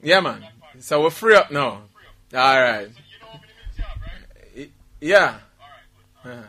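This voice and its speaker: A man's voice: mid-range voice, lively intonation, slow pace, bright, forceful tone, soft background music. A middle-aged Jamaican man hosting a talk show, reading news items and riffing on them with Patois asides. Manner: reads headlines then riffs with laughter, Jamaican Patois asides. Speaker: radio show host reading news stories. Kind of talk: casual comedic news banter.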